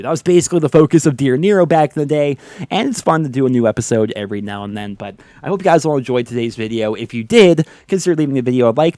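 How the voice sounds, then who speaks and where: With a warm, mid-range voice recorded without echo, a congested gaming YouTuber nursing a head cold answers viewer questions in a casual chat. His takes are blunt and opinionated, and he leans on "like" and "man" constantly.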